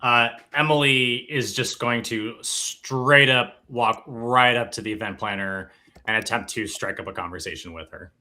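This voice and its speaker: Bright-voiced hesitant player. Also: male voice, medium pitch, normal speed. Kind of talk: tabletop role-play.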